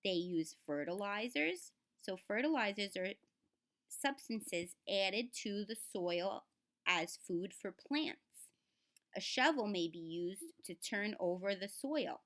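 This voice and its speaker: Reading slowly in an expressive, slightly bright, medium-pitched voice, a woman shares a children's book in an instructive way. She talks straight to the kids, offers simple explanations, and sounds words out.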